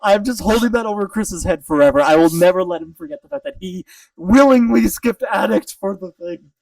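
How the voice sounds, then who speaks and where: A man co-hosting a casual fan chat, excitable and gushing, recorded on a distant mic. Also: high-pitched, vocal fry, dry recording. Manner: excitable, gushing, quick talker. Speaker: podcast co-host.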